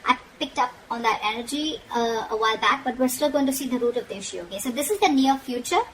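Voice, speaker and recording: With a fairly high pitch and a fast way of talking, a woman reads tarot informally and bluntly, speaking directly to the listener and repeatedly checking in as she admonishes. The recording is low in quality with noticeable background noise.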